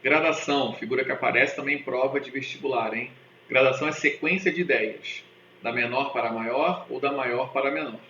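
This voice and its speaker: A man with a Brazilian Portuguese accent teaching an exam-prep lesson in a casual, lively way, often checking that students follow. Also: mid-range voice, fairly quick, echoey room, highs cut off, slight background noise.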